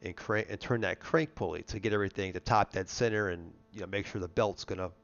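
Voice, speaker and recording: The car show host's voice is low, creaky and fairly bright, moving quickly with fairly even intonation while soft music plays behind him. Congested, nasal and worn, he chats and tells stories casually through dull, lo-fi stream audio.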